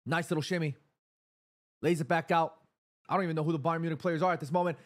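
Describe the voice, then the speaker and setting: A man in his thirties hosting a live football watchalong stream, chatting casually, reading viewer messages aloud and getting excited during attacking moves. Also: on the high side, quick pace. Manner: chatty, reads viewer chat aloud between play calls.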